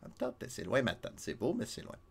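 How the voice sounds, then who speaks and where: A man's voice: mid-range voice, huge pitch swings, fairly quick, gravelly, husky. Chatty Québécois man streaming a game. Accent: Québécois French. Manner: chatty, self-mocking, laughs often. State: slightly stuffy from a cold. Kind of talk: casual game commentary.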